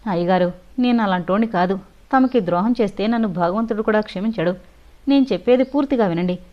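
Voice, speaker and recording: A woman's voice: mid-range voice, fast, close to an everyday voice. A woman voicing a loyal male servant who pleads tearfully, in a storybook reading. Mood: pleading. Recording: dull lo-fi recording.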